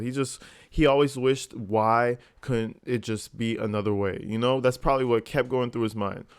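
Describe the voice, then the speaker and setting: A man's voice: medium pitch, clean tone, dry recording, studio quality. A man giving informal, incredulous commentary as a video host, swearing casually.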